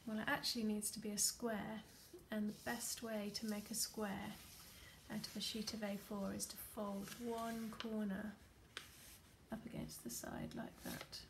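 Woman, meditation leader: soft, unhurried, slightly gravelly voice, level delivery, faint background noise. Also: medium pitch, little pitch movement. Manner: soft, gentle, many fillers; often drops to a near whisper. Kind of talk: guided craft meditation. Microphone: computer or phone camera.

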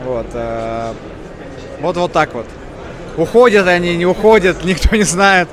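A man's voice: high voice, a little slow. A man interviewing exhibitors at a trade expo, chatting casually and joking, with hesitant fillers. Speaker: video blogger at a trade expo. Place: crowded indoor expo hall. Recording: loud crowd noise behind.

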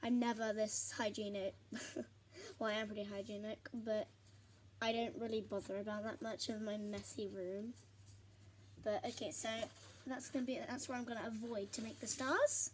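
A young woman with a medium-pitched voice rambles and giggles to herself while working on a pastel drawing for her art vlog. There's slight background noise behind her chatty narration.

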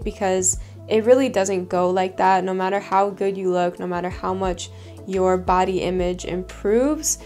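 A woman in her twenties, a fitness vlogger, talking in an earnest, relaxed way with plenty of "like" fillers. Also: mid-range voice. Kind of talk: casual advice vlog. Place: bedroom, home studio and parked car.

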